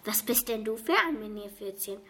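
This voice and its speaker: Leia, a woman doing a gruff fire witch. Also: mid-range voice, normal speed, pushed and bright, a little hiss or hum, natural voice. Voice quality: rough. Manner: snappish, rude. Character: grumpy female fire witch with a rough voice.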